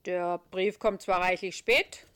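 A woman voicing a kindly elderly male saint in a children's story, calm and fatherly. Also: lowish voice, slow pace, clean tone.

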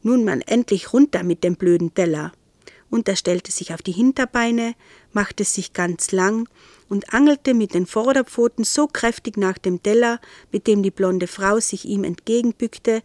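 A woman reading a storybook aloud, expressive and playful, with an even middle pitch. The sound is dry and close, as if she sits right at the mic in a deadened room. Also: dry recording. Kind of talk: audiobook reading.

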